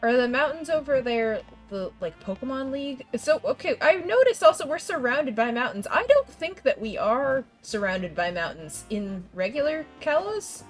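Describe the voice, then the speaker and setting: A young woman streamer chats casually with viewers during gameplay, rambling along with frequent laughs and restarts while faint game music plays. She is fighting a cold, her voice stuffy and congested yet high, with big pitch swings, a moderate pace and hardly any pauses, on a low-quality recording.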